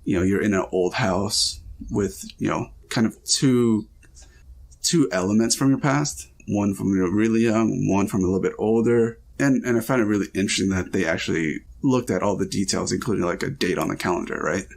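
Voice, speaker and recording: A man co-hosting a podcast, chatting casually about dreams with a relaxed, filler-heavy way of talking. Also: lowish voice, brisk, vocal fry. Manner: relaxed, talks with frequent fillers. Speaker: podcast co-host reading and interpreting dreams.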